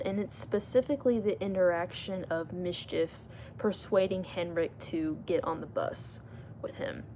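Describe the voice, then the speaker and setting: A woman's voice: mid-range voice, a little mellow, slight background noise. A woman talking to her vlog audience in an earnest, reflective, rambling way. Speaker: vlogger. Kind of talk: casual vlog monologue.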